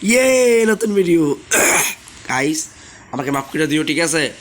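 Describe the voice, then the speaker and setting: A young man, hoarse from a sore throat, chatting casually as he plays a game and keeps asking viewers to subscribe. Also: fairly high pitch, measured pace, fairly bright tone. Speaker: gaming channel host. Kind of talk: casual gameplay commentary.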